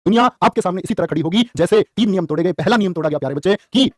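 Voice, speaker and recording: A man teaching spelling in a lively live class, asking questions and quoting couplets. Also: high voice, racing, no echo, studio quality. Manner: calls students "प्यारे बच्चे". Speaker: Hindi teacher for exam prep. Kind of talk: live online exam-prep class.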